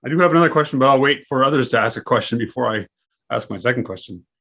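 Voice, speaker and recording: A man speaks up as a participant in an online discussion. His voice sits at an average male pitch, and his delivery is conversational. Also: racing, a bit bright.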